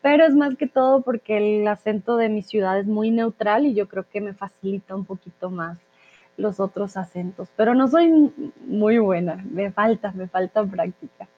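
A woman from Colombia, a language teacher, casually answering viewer questions in a live chat, often pausing on "eh". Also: medium pitch. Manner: chatty, with frequent "eh" fillers. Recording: thin phone-like audio.

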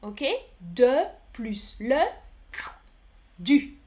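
A woman teaching a live-streamed French lesson, speaking slowly and clearly, counting aloud and answering viewers in the chat. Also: fairly high pitch, a little mellow.

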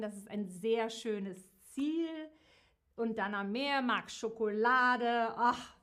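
A woman who teaches a live geography lesson to viewers, speaking slowly and clearly and repeating key words. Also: fairly high pitch. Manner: slow, repeats key words, warm direct address to viewers. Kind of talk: slow, clearly articulated live-stream lesson.

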